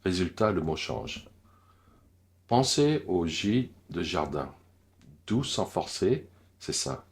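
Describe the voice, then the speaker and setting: A man's voice: low-pitched, sing-song. A man from Korea with a Korean accent, giving a careful pronunciation lesson. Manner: slow, careful demonstrations with many pauses. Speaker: language teacher.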